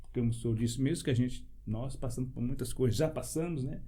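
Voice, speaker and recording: A man's voice: mid-range voice, fairly quick, warm tone. A man, a pastor preaching in a panel debate, emphatic and full of rhetorical questions, breaking into short laughs as he tells a personal testimony. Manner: laughs between phrases.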